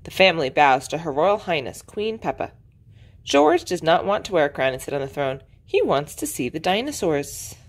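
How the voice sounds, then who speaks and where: A woman preschool teacher reading a picture book aloud to young children in an expressive, sing-song way. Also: low-pitched, normal speed. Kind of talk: storybook read-aloud.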